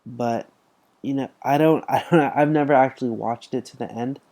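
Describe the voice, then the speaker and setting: A man's voice: mid-range voice, normal speed, mellow. A tired young man rambling casually as he comments on a mobile game he is playing, full of fillers and restarts. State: tired, yawning. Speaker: gaming channel host.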